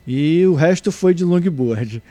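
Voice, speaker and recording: A middle-aged man from Brazil, a guest surfer and surf instructor, answering interview questions in a halting way with many restarts. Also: on the high side, animated, mellow, no echo. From Brazil (born in Salvador, raised in Niterói). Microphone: remote mic, at first too far away.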